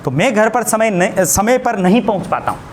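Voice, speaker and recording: A man with an Indian accent teaching spoken English in Hindi, explaining slowly and repeating words one by one. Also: sits high, animated, slight background noise.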